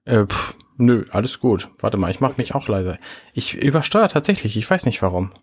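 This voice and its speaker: Male podcast co-host, low husky voice, clipping distorted mic on a call. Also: big pitch swings, a little fast. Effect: overdriven, clipping microphone. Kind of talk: casual chat.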